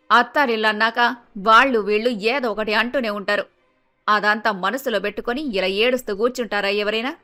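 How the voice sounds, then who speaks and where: A woman's voice: a little high, pushed and bright. A woman voicing a bossy older mother-in-law in a cartoon story, scolding and domineering.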